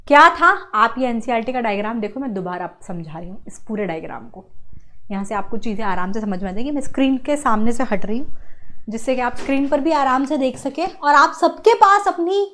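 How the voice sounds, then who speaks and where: A woman teaching biology for an exam-prep course, mixing in English and repeating key lines slowly for her students. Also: a little high, animated, a bit bright. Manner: addresses students as beta. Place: classroom studio at a screen.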